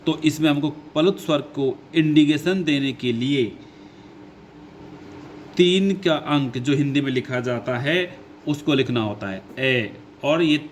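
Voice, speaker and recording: A man teaching a grammar lesson who goes slowly, repeats his points and asks his own questions before answering them. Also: on the high side, slight background noise. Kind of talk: classroom lesson explaining grammar.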